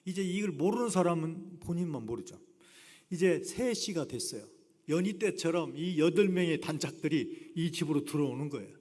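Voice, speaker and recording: Animated pastor preaching in a reverberant church. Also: male voice, fairly high pitch, normal speed. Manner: animated storytelling, acting out quoted voices. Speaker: guest pastor. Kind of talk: sermon. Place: church sanctuary.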